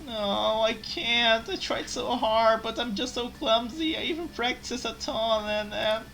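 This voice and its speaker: A woman's voice: mid-range voice, expressive, normal speed, close to an everyday voice, poor audio. A woman voicing a timid, clumsy maid who speaks as a servile, pleading, apologetic servant to her masters in a video game. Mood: tearful pleading.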